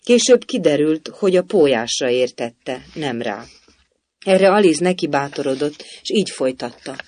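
Male storybook narrator, slightly high voice, steady measured reading, dry close recording. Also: no room sound. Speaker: audiobook narrator.

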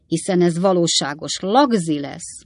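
A woman voicing a nosy, fussy little gossiping woman, high and loud, coaxing and exclaiming. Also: expressive, no room sound, studio quality.

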